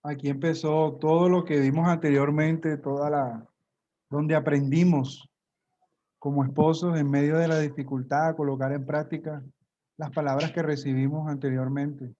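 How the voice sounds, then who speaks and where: A man, a pastor, giving a measured church testimony alongside his wife. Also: fairly high pitch, level tone, dark tone, lo-fi sound.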